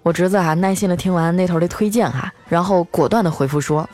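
Faint background music plays as this radio-style comedy host tells comic stories at a quick clip. Her voice sits on the low side with a darkish tone, and she stretches out her sentence endings in a playful, chatty way.

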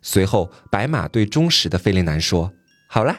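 Chatty male podcast storyteller, lively pitch. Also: moderate pace, dry recording. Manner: chatty, joking asides, laughs at the story.

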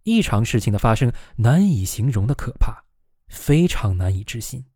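A man's voice: mid-range voice, very animated, moderate pace, warm tone, slightly rough, no echo, studio quality. A man reading a novel aloud as narrator, giving the quoted characters a raised voice.

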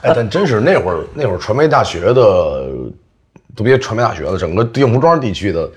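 A man's voice: lowish voice, very animated. A man hosting a podcast, telling stories and teasing his co-host in casual chat. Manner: quick, teasing storyteller.

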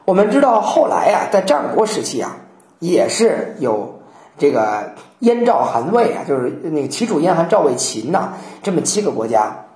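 A woman lecturing on classical poetry, telling stories in an animated way and acting out quotations. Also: sits low, moderate pace. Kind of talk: lively storytelling lecture. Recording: roomy echo.

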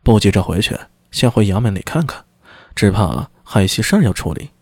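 A sharp-witted young constable captain, voiced by a male audiobook reader talks in a casual, wry way. His voice is husky and swings freely in pitch. The sound is dry and close. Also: very animated, brisk, no echo.

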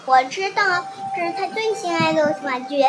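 A woman tells a children's story and turns to speak directly to her young listeners. Her voice sits very high, and music plays clearly behind her. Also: moderate pace.

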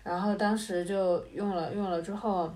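Woman, casual chat, chiming in, trails off softly, echoey room. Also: mid-range voice, fairly even intonation, normal speed.

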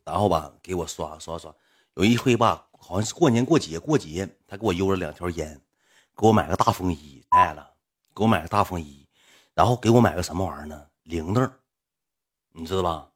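A man's voice: low voice, animated, fairly quick, breathy edge. A young man with a Northeastern Chinese accent, a livestreamer telling a story in a rambling, coarse, blunt way. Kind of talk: casual storytelling.

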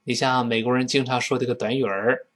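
A man teaching an English lesson in a chatty, humorous way, acting out quoted phrases with sudden high jumps in his voice. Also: brisk. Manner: lively, acts out quoted speech with big jumps in pitch. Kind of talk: recorded language lesson.

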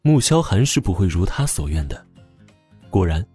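Low, husky male storyteller. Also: normal speed, soft background music. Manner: expressive storytelling. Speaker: narrator. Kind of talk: audiobook drama narration.

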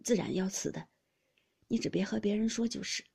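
A woman voicing a proud, aloof young male swordsman with a blunt, cool manner, louder than her narration. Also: mid-range voice, a little fast, creaky, breathy edge.

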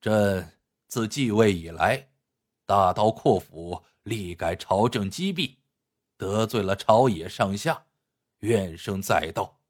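A man voicing a stern, cold older emperor who is also a grieving father, speaking slowly and heavily in a low voice. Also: lively intonation. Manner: slow, heavy, low delivery.

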